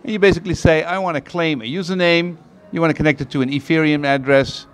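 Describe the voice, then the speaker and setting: A man hosts a casual tech interview, his voice sitting a touch higher than most. He digs in with eager follow-up questions. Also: steady tone, fast. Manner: probing, enthusiastic, pushes with follow-up questions. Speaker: interviewer, show host.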